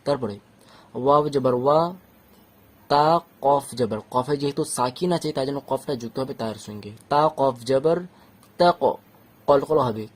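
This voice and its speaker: A man teaching Quran reading, sounding out letters slowly syllable by syllable and explaining each step calmly. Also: medium pitch. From Bangladesh or West Bengal. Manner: slow syllable-by-syllable drilling; explains calmly, checks with "okay?". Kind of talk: patient step-by-step recitation lesson.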